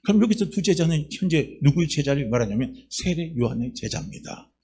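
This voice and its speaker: A man, the church's pastor, preaching a lively sermon and putting rhetorical questions straight to his congregation. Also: fairly high pitch, fairly quick, slightly rough. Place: church sanctuary.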